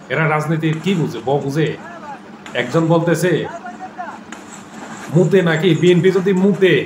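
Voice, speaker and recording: A man giving mocking, scolding political commentary, reciting verses in a slow sing-song. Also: a little high, echoey room, noisy background. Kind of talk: ranting video commentary.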